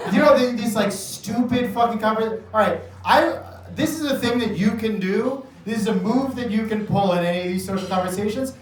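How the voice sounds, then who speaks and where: Recorded from a distance in an echoey club room, a man with a high-sitting voice talks a little fast with hardly any pauses during a nervous stand-up set at a small comedy bar. He is nervous and sweaty, and his rambling, profane routine is packed with fillers while the audience chatters and laughs.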